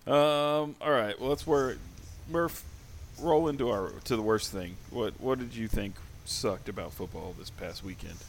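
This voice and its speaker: A man's voice: mid-range voice, unhurried, a little hiss or hum. A man hosting a casual fantasy football podcast, easygoing as he steers the talk to the next topic. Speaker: podcast host.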